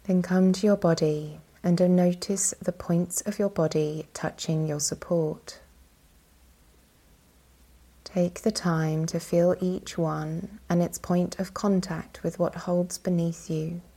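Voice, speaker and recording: Calm and soothing, a woman leads a guided yoga nidra meditation. As instructor she uses a soft, breathy voice of fairly low pitch, letting long pauses fall between her words.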